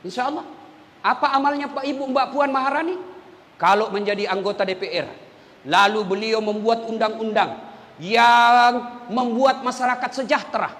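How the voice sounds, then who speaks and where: High, bright-voiced preacher. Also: male voice, in a large hall. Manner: animated, emphatic, shifts to soft asides. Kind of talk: sermon.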